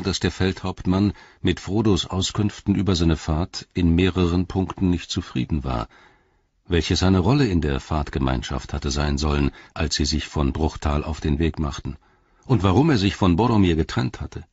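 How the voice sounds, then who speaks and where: A man giving a measured, scripted audiobook narration. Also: low voice, a little mellow, breathy edge, dry recording, highs cut off.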